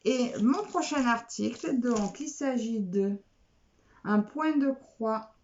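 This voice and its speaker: A woman vlogger chatting casually as she unboxes craft kits, repeating words and filling pauses with little asides. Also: a little high, expressive, a little mellow. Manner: chatty, repeats words, many "alors" fillers. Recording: dull lo-fi recording with faint noise.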